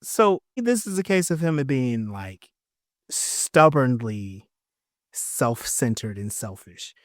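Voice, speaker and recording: A man's voice: mid-range voice, big pitch swings, slow pace, no room sound. A man talking casually on a podcast in a mid-range voice, close and dry with no room sound. He retells the story in a loose, slangy way and jokes to his listeners as he goes. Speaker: podcast host. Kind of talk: casual episode recap.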